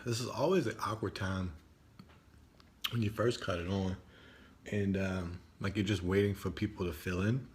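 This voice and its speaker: Casual low-voiced man streaming live. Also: fairly even intonation, moderate pace, pauses often, a little mellow. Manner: conversational, often tags lines with "right?". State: morning voice.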